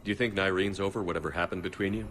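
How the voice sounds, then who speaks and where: Brisk, deep-voiced Commander Shepard. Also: male voice, steady tone, a bit bright. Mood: questioning, measured. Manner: level-headed, matter-of-fact. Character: steady, pragmatic male military commander. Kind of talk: dramatic video game voice acting.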